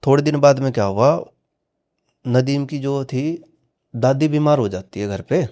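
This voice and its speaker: A man's voice: medium pitch, a little slow, warm tone. A man casually recounting a horror story on a podcast, acting out the dialogue with frequent "he said" tags. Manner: retells dialogue with many "he said" tags.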